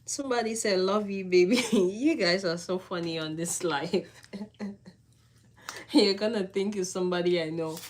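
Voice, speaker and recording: A woman's voice: lowish voice, moderate pace, darkish tone. A young woman from Cameroon chatting casually with viewers on a live stream. She is easygoing and laughs often. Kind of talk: casual livestream chat to viewers.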